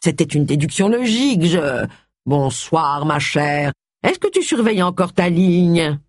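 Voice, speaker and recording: Livre audio : un lecteur incarnant un prétendant conciliant, intonation vive, son sec. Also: male voice, on the high side, sing-song, unhurried, dry recording, studio quality. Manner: placating. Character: man, a smooth suitor over dinner. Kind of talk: audiobook character voice.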